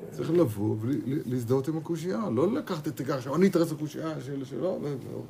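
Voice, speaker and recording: Animated rabbi with a lively, higher voice. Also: male voice, vocal fry, slight background noise. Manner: animated, repeats himself, asks rhetorical questions and acts out students' replies. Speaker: rabbi teaching a class. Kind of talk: lively Torah lesson with students. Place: kollel study hall.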